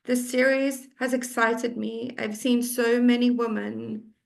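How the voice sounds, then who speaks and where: A woman's voice: a little high, creaky. A woman hosting an interview series, opening it with an earnest, mission-driven introduction and welcoming her guest. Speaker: host and founder of the series.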